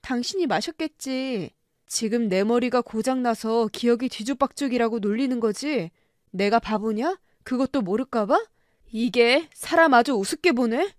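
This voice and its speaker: Woman voicing a harsh drunk husband, shouting and scornful, story radio drama, dry close sound. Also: fairly high pitch, moderate pace, no room sound, natural voice. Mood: drunken rage. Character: drunk, violent middle-aged husband, bitter and bullying.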